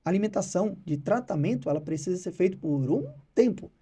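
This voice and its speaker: A man from Brazil tells a vet's stories in a casual interview and slips into his clients' voices. He speaks quickly in a deep, very dark and husky voice. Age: adult with children. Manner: animated, acts out clients' voices. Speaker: veterinarian guest.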